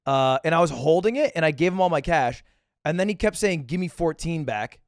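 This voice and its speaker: A man's voice: on the high side, animated, brisk, dry recording, studio quality. A young man co-hosting a podcast, telling his side of a story in casual chat and laughing along as he goes. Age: young adult. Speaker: podcast co-host.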